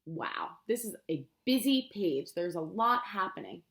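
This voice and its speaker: Reading a picture book a little slowly, this American preschool teacher has a medium-pitched voice. She uses simple, expressive language and draws the young children in with questions.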